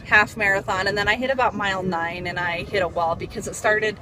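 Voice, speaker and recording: Chatting casually to camera for a vlog, a woman rambles with plenty of fillers at a slightly fast pace. Her voice is mid-range with fairly even intonation, and a background hum makes the audio noisy.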